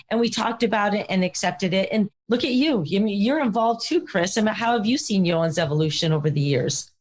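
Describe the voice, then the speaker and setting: A middle-aged woman hosting a podcast, chatting in a casual, teasing, conversational way. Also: medium pitch. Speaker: podcast host. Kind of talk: casual chat.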